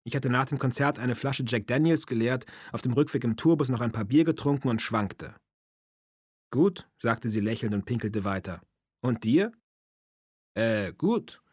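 A man narrating a memoir as an audiobook in a calm, even storytelling manner. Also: medium pitch, brisk, hardly any pauses, breathy edge, no room sound.

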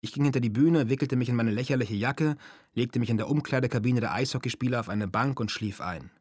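A man's voice: mid-range voice, fast, no room sound. A man reading a first-person story as an audiobook, with a dry, self-mocking manner. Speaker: narrator. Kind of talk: audiobook narration.

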